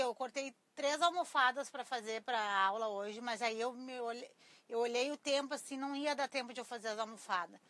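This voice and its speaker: A middle-aged woman from Brazil chats informally through a live-stream tutorial, like a craft teacher leading a relaxed class, often speaking directly to her viewers. Her voice sits high, thin and reedy, with a sharp, slightly cracked edge. She's in a small, cluttered indoor craft workshop, wearing a clip-on lapel mic.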